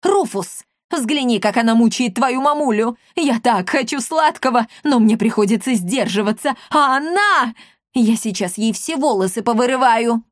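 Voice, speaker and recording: A woman's voice: a little high, expressive, normal speed, no room sound, studio quality, voice pushed up, close to an everyday voice. A woman voicing a tiny, spiteful old woman who screeches and scolds everyone about her diet. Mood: hysterical.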